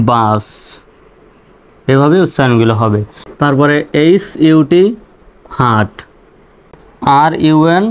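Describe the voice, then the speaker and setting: A man teaching English vocabulary in a slow lesson, spelling words out letter by letter and repeating each meaning patiently. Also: mid-range voice, clear, resonant tone.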